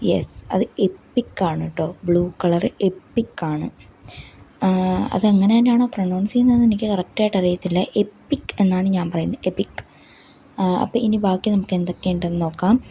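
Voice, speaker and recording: A woman's voice: lowish voice, fairly quick, warm tone. A woman, chatting through a craft unboxing at home with the window open and traffic outside. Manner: chatty, explains each step, frequent fillers. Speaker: vlogger. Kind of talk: casual unboxing vlog narration.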